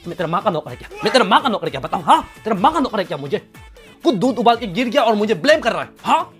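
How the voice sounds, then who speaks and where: A man's voice: high-pitched, very animated, racing. A man playing a put-upon young daughter-in-law who answers meekly and mutters her complaints. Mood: resentful. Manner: soft submissive replies, muttered complaints. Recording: loud background music.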